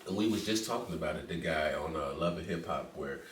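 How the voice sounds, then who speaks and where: A man's voice: rumbling low, fast, slight background noise. A man hosting a casual podcast interview, laid-back and slangy. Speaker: podcast host. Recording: echoey room, distant mic.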